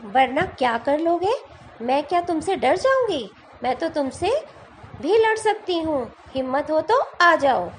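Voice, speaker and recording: A woman's voice: sits high, sing-song, unhurried, a little hiss or hum. A woman voicing a boastful, cheeky little female fly in a storybook lesson. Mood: defiant.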